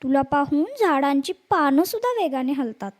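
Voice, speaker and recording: A woman voicing a proud male hare who mocks the tortoise in a slow, drawn-out taunt. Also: sits high, animated.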